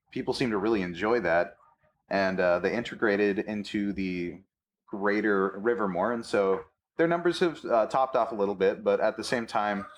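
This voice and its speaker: A man's voice: on the low side, slight background noise. A man speaking on a discussion panel, hesitant and full of fillers as he gathers his thoughts.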